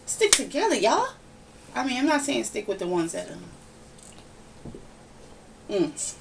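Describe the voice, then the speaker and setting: A woman hosting a casual podcast, giving her opinions in a lively, ranting, conversational way. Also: a little high, unhurried, gravelly. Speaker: podcast host. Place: home room, relaxed podcast setting. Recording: somewhat distant mic with faint background noise.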